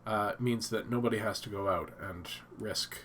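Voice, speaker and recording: A man's voice: fairly low pitch, normal speed, fairly bright tone, slight background noise. A man hosting a casual live stream from his home office, stuffed up and thinking aloud with many fillers and restarts.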